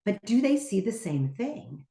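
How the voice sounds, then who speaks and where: An older woman talking earnestly and reflectively as a podcast guest, stressing her points with lively emphasis. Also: medium pitch, a little slow, reverberant. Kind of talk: casual conversation.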